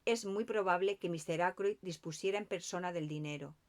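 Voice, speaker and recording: A woman's voice: lowish voice, fairly quick, close to an everyday voice. A woman reading the lines of a methodical male police inspector in an audiobook, matter-of-fact and businesslike.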